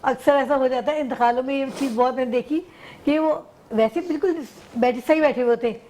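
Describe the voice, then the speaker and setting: High-voiced woman guest. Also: a little fast, dark tone, slight background noise. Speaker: studio guest. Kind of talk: casual studio chat.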